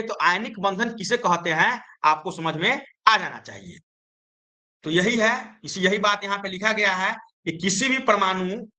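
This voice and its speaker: A man's voice: high voice, pushed and bright. A man teaching a chemistry lesson, who keeps asking his students questions and answering them himself. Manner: explains with repeated questions to students.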